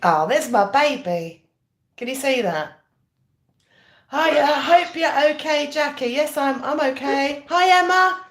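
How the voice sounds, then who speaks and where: A woman's voice: high-pitched, expressive, a little slow, a bit bright, a little hiss or hum. A woman with a British accent hosting a casual livestream, chatting to viewers while eating her dinner mukbang-style. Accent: British English. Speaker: livestream host. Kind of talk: casual live chat over a meal. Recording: echoey room.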